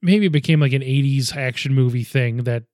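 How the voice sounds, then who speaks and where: A man's voice: mid-range voice, a little fast, a little mellow, dry recording. A man co-hosting a podcast, recapping movie scenes in casual chat with dry, wry quips. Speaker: podcast co-host.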